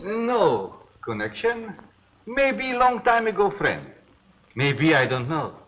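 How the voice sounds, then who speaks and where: Very old man, evasive shopkeeper, halting broken English, fairly high swooping voice, dull vintage film sound. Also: wildly swooping pitch, heavily acted. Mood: evasive, wary. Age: older. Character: very old, evasive, wary male herb shop keeper. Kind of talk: 1930s film acting.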